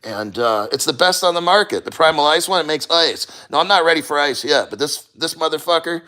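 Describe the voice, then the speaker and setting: Man, sharp bright delivery, immersed in ice cold water. Off-the-cuff vlog host, blunt and sweary. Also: on the high side, expressive, a little fast. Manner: blunt, profane, rambling. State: sitting neck-deep in ice cold water. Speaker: crypto podcast host. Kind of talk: casual talk to camera.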